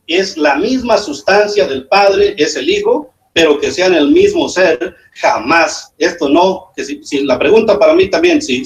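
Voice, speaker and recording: Man, pastor debating, hesitant with fillers, lively swooping pitch, somewhat high voice, echoey room. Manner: hesitant, many fillers, sudden rises in pitch. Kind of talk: spontaneous debate argument.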